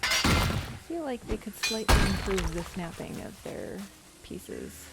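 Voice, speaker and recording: A woman chats easily while playing a survival game with a co-host, quick to get excited. Her voice sits at an average pitch. Loud game noise with clicks and crashes runs under her. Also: gravelly. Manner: easygoing, excitable. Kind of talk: casual gaming chat.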